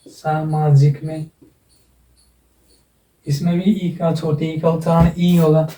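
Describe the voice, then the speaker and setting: A man's voice: a little high, flat delivery, normal speed, mellow. A male teacher giving an exam-prep lesson, patiently explaining and repeating himself, stretching out the example sounds he demonstrates. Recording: echoey room, mic at a distance.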